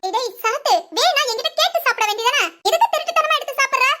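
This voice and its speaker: Woman voicing a very high, bright-toned cartoon young wife, excitable and whiny. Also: quick pace. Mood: fretting. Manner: excitable, whiny complaints, giggly. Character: chatty young wife in a cartoon family comedy. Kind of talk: cartoon voice acting.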